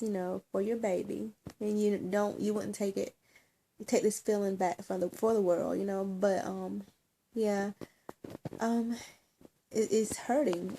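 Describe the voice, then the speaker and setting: Woman vlogger, mellow tone, teary and halting, casual chat, light background noise. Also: mid-range voice. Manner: halting, many ums and restarts, emotional. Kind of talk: casual personal vlog.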